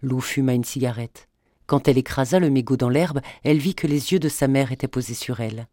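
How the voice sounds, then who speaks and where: Reading a novel aloud, a male audiobook narrator delivers scripted narration at a measured, even pace. The mid-range voice has studio quality and no audible room.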